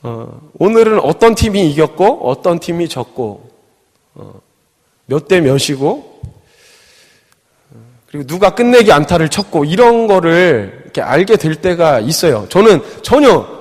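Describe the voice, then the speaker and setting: A man's voice: on the high side, sing-song, a little slow, a little mellow. A man giving a youth sermon in a church, chatty and full of fillers, telling stories and acting out the quotes. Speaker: youth pastor. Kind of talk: sermon with storytelling. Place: church sanctuary. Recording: long hall reverb.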